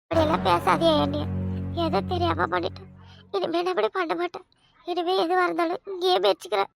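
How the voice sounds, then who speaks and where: A woman voicing a pleading young village wife with a Kanyakumari Tamil accent, begging softly in a cartoon comedy. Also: very high-pitched, steady tone, brisk, vocal fry, music in the background, full character voice. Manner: begging, tearful, soft-spoken.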